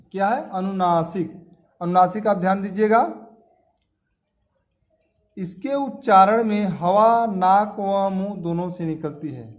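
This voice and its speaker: Male schoolteacher, high voice, drills terms, asks the class questions. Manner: repeats key terms, quizzes students with questions. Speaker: teacher. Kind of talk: classroom grammar lesson.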